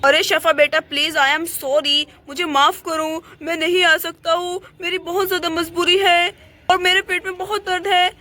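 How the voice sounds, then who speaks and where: A woman's voice: extremely high pitch, flat delivery, normal speed, pushed and bright. A woman voicing a flustered, apologetic father and henpecked husband in a doll play, pleading with his family.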